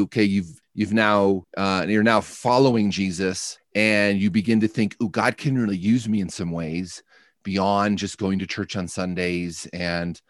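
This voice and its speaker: A man's voice: low voice, no echo, clean studio sound. A man hosting a podcast interview, asking friendly, rambling questions with lots of fillers. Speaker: podcast host. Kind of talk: casual interview.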